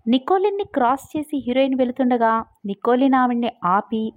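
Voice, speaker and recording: High-voiced woman retelling a drama. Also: lively intonation, fairly quick, dry recording. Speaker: drama recap narrator. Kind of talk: storytelling recap of a drama. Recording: dry, tinny phone-like sound.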